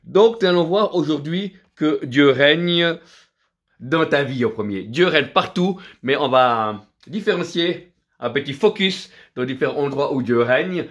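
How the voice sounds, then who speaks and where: A man's voice: on the high side, expressive, measured pace, fairly bright tone. A middle-aged man, from Vietnam, preaching a fervent sermon full of repetition and alleluias.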